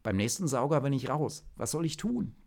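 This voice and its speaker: A man voicing an excitable young man who calls out in alarm, talking in a hurried, raised voice. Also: medium pitch, gravelly, pitched above the performer's own voice.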